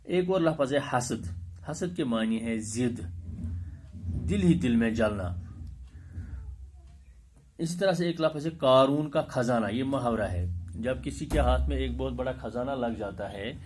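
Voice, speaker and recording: A male school teacher giving an Urdu lesson, reading aloud and then explaining new words slowly, stressing correct pronunciation with frequent hesitations. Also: mid-range voice, darkish tone, slight background noise. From Kashmir. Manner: slow, deliberate, stresses pronunciation, many filler sounds.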